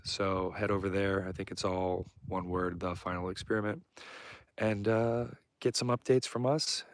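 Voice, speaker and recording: A man's voice: low-pitched, fairly even intonation, moderate pace. A man speaking in a casual, rambling live vlog, informal and self-deprecating, drifting between thoughts as he goes. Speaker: filmmaker live-streaming as a vlogger. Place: outdoors on snow and ice at an Antarctic camp. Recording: clear outdoor background noise.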